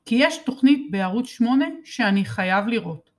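A woman's voice: a little high, animated, natural voice. Woman doing a sneering bossy big brother. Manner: taunting, sneering. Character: bossy mocking teenage older brother.

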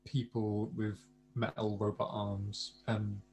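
A man with a low voice chats casually as a podcast co-host. He talks hesitantly and keeps restarting his sentences. A faint hiss sits behind him. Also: flat delivery, slow, gravelly, darkish tone. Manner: hesitant, repeats starts with "I think". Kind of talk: casual chat.

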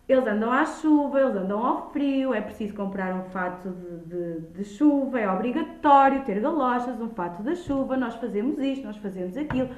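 A woman with a European Portuguese accent speaking emphatically in a conversational debate, repeating key words for stress. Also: on the high side. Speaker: childminder and early childhood educator, podcast guest. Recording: echoey room, dull lo-fi sound.

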